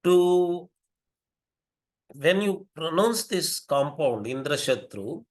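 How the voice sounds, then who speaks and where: Older Indian-accented male lecturer, slightly high voice, methodical and self-correcting. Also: expressive. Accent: Indian English. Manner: measured, repeats and rephrases himself, fillers. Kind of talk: explanatory lecture.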